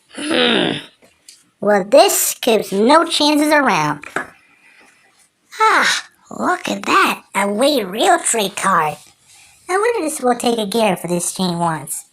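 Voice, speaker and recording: An amateur performer voicing a cocky, excitable cartoon woodpecker who rambles and exclaims to himself. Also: high voice, slow pace, full character voice. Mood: pleased. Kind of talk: amateur cartoon character impression.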